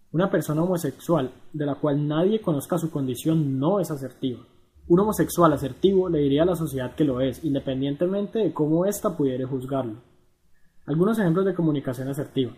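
A man reading a scripted educational narration in an even, measured way. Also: a little high.

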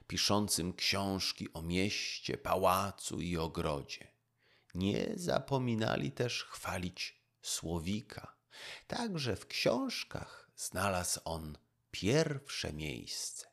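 A man narrating a fairy tale as a gentle, unhurried bedtime story reading. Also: low-pitched, vocal fry.

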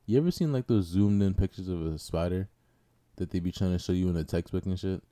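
A man's voice: sits low, fast talker, dark tone. A young man in casual podcast banter, talking in a slangy frat-bro way as a co-host. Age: young adult.

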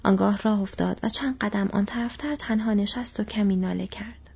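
A woman narrating a storybook in a breathy whispered audiobook reading. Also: medium pitch, a little mellow. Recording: dull lo-fi recording.

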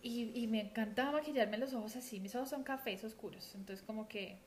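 Chatty Colombian woman, slightly high voice. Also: brisk, a little mellow. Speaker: podcast co-host. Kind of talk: casual chat.

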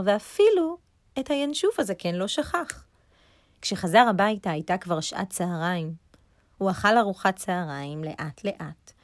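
A woman narrating a children's story in an expressive way, speaking directly to young listeners. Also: on the low side, dry recording.

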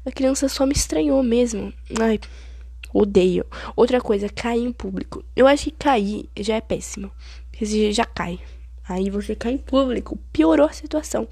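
A young woman in her late teens with a Brazilian Portuguese accent hosts a casual solo podcast while congested with a cold, rambling chattily and complaining dramatically. Her voice is on the high side, warm and a little breathy with vocal fry, at a moderate pace, in studio-quality audio with no room sound.

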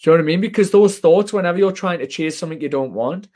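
A man's voice: fairly high pitch, rapid-fire, darkish tone. A young British man chatting casually in a blokey, emphatic, sweary way. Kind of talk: casual chat.

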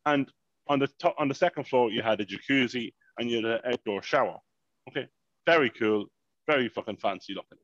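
Animated man telling a story. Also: mid-range voice, a little fast, dry recording, lo-fi sound. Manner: animated, swears freely, repeats "mayhem" and "unbelievable". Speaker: podcast co-host. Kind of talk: casual storytelling chat.

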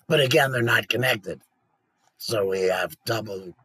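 Gurgling, husky male laryngectomy voice. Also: lowish voice, bright, forceful tone, no room sound, studio quality. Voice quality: gurgling, gargly laryngectomy voice made through esophagus with a valve. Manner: halting, pausing to swallow and clear mucus. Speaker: patient educator. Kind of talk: informal educational talk.

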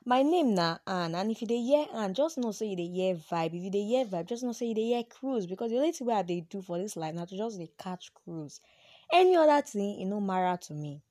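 A woman's voice: fairly low pitch, darkish tone, no echo, studio quality. A woman from Nigeria with a Yoruba accent, chatting casually and playfully as a solo podcast host, with informal Pidgin turns of phrase.

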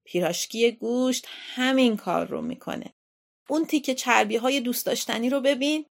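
A woman voicing a bustling, bossy and cheery middle-aged aunt in a storybook reading, chattering eagerly and shouting. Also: a little high, creaky, voice pushed up. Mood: coaxing.

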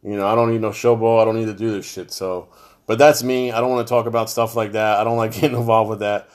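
A man's voice: fairly low pitch, fairly even intonation, quick pace. A middle-aged man, talking straight to his fans in a personal monologue, blunt and heavy-hearted, swearing freely. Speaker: show host talking to fans.

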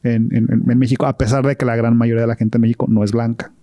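A man, a guest on a film chat, explaining things thoughtfully with many halting restarts. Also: mid-range voice, level tone, mellow, no room sound, clean studio sound. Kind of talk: casual film discussion.

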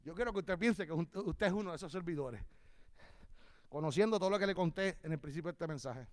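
A man preaching a sermon as a visiting preacher, telling stories lively, acting out the dialogue and building to shouted peaks. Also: on the high side, fast talker.

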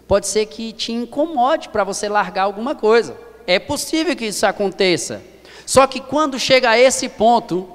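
Man, Brazilian accent, preaching, earnest, repeats phrases, high voice, long hall reverb. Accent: Brazilian Portuguese. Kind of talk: sermon.

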